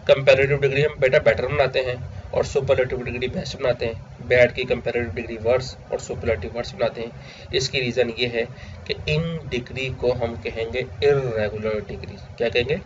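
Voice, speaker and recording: A male teacher, giving a classroom grammar lecture over slides, explaining step by step and repeating key terms. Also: mid-range voice. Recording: slightly dull audio with faint background hiss.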